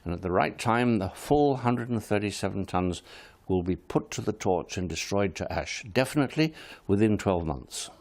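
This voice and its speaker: This interview guest is the head of a wildlife service, a man from Kenya whose first language is Swahili. His gravelly, lowish voice is animated yet a little mellow, and he gives frank, firm, measured answers in the studio.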